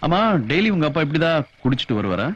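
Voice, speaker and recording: A young actor playing a film hero, talking in teasing, easygoing banter in a comedy scene. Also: male voice, fairly high pitch, animated, fast talker, highs cut off.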